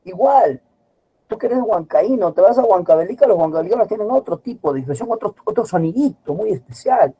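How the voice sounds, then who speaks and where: A middle-aged man teaching a class, lively and always asking his students questions. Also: sits high, brisk, breathy edge, low-quality recording. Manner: animated, asks students constant rhetorical questions. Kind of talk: classroom lecture.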